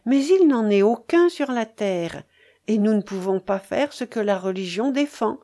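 A woman's voice: medium pitch, expressive, unhurried, mellow. A woman reading aloud, voicing a grave, sorrowful young man who speaks in a solemn, pleading way.

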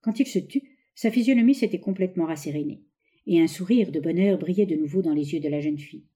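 Female novel narrator, measured and expressive, deep mellow timbre.

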